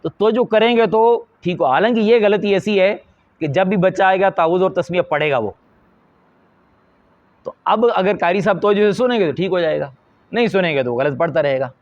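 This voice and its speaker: A man, a Quran teacher from Pakistan, explains pronunciation mistakes to teachers in an earnest, deliberate instructional talk. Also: sits high, no echo. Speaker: Quran teacher and madrasa supervisor. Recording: slightly dull lo-fi audio.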